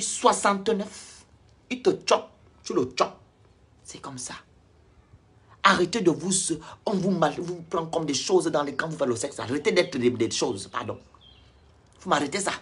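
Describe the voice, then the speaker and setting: An online commentator rants bluntly and preachily in a social-media vlog, lecturing his viewers head-on. His voice sits high and is a bit bright, with a breathy edge.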